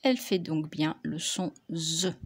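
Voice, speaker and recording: Slow, deliberate woman teacher. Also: mid-range voice, animated. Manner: slow, deliberate, over-articulated words for young pupils. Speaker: primary school teacher. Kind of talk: slow dictation and spelling correction.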